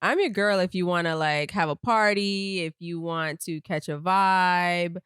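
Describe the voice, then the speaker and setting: A young woman from Miami co-hosts a casual podcast, talking in a chatty, playful way and laughing often. Her voice sits fairly low and sounds smooth and clear. It is recorded dry and close. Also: measured pace, a bit bright, dry recording. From Miami, Florida. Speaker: podcast co-host. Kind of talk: casual chat.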